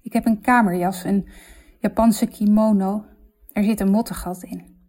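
A woman reading the lines of a polite gentleman customer in a story, quietly and courteously. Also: medium pitch, fairly even intonation, normal speed, natural voice.

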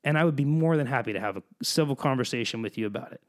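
A man talking alone into the mic as a podcast host, with a middle-pitched voice. He speaks bluntly and with heat, rants about his industry, then eases into warm reassurance. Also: racing. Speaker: musician. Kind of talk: solo podcast monologue.

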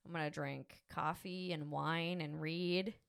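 A woman's voice: deep voice, fairly even intonation, measured pace, creaky, a bit bright, clear, resonant tone. A woman co-hosting a casual family podcast as a mother, talking in a playful, teasing and encouraging way.

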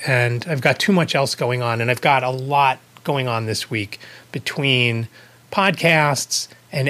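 A man's voice: medium pitch, a bit bright. A man hosting his own podcast, telling a story in a casual, rambling way, correcting himself and chuckling at his own asides. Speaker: podcast host.

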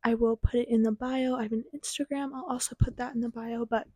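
A woman's voice: on the high side, fairly even intonation, quick pace, mellow, husky, dry recording. A teenage young woman with a slight lisp from wearing a retainer, hosting a podcast and introducing it in a casual, chatty way. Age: teens. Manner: informal, chatty. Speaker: podcast host.

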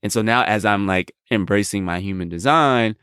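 A man co-hosting a podcast, with a very low voice that is smooth and resonant. He explains calmly and reflectively in relaxed chat, heard dry and close with no room echo. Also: normal speed. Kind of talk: casual chat.

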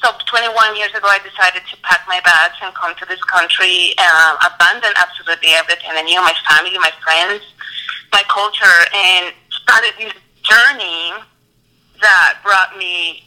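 A woman in her forties from Colombia, speaking English. Her voice is very bright and forceful, and she tells her story in a reflective, casual way. She is heard over a phone line. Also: fairly low pitch, fairly even intonation, moderate pace. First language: Spanish. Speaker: guest. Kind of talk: casual interview.

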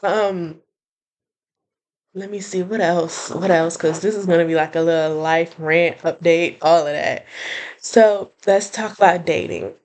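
A woman hosting her own podcast, chatting casually and excitedly to her listeners with lots of fillers and laughter. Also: lowish voice, unhurried. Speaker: podcast host. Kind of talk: casual solo podcast update.

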